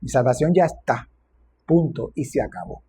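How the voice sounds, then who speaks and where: A man preaching a reflective, gently humorous sermon as a minister. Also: mid-range voice, animated, normal speed, husky.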